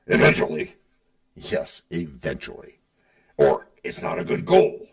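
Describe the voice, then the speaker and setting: A middle-aged man hosting a podcast, playfully bantering with himself in a scripted back-and-forth, recorded on a distant mic. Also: unhurried. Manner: playful, switching between his own voice and a sidekick. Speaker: podcast host.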